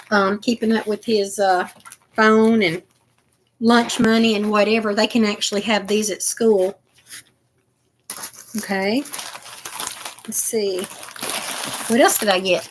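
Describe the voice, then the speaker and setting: A woman's voice: medium pitch, slight background noise. An older woman chatting casually and rambling to viewers as she unboxes craft supplies. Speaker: crafting vlogger.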